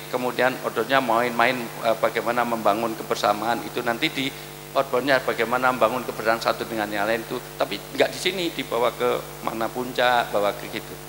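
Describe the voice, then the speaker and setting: A man's voice: mid-range voice, noisy background. A man giving a humorous sermon to hospital staff, joking and acting out scenes. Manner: joking, animated, acts out angry shouting. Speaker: preacher. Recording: echoey hall with long reverb.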